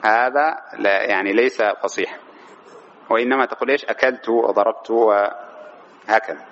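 A man's voice: lowish voice, normal speed, fairly bright tone. A man teaching an Arabic grammar lesson, quizzing students with rhetorical questions. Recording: dull lo-fi classroom recording with faint noise.

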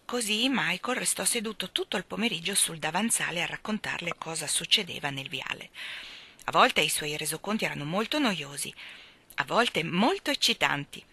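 Brief: woman reader, bright tone, dry close sound. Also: lowish voice, animated, normal speed, husky, no echo. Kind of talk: reading a children's novel aloud.

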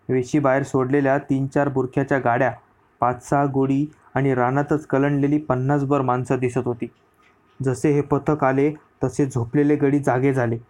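A man narrating a historical story as an audiobook reading, in a steady storyteller delivery. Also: medium pitch.

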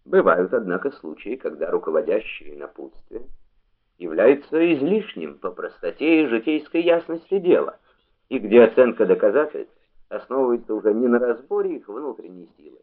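A man reading a memoir aloud as an audiobook narrator, in a measured literary delivery, on a tinny phone-like recording. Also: fairly low pitch, sing-song.

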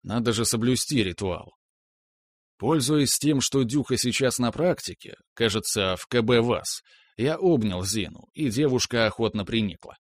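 Calm male audiobook narrator, dry sound. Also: mid-range voice, moderate pace, no echo. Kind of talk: scripted narration.

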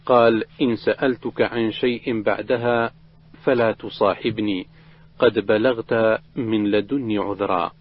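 A man with a low voice reads an old religious text aloud at an even, measured pace. His recitation carries the quoted exchanges without acting them out. The recording sounds dull and muffled. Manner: steady measured reading, quoted dialogue read without acting. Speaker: reader of a hadith collection.

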